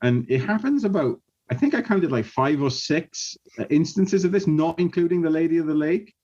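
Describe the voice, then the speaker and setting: A man's voice: fairly high pitch, animated, moderate pace, a little mellow. A man chatting on a film podcast, talking freely and laughing between points. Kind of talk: casual chat. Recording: dull lo-fi audio.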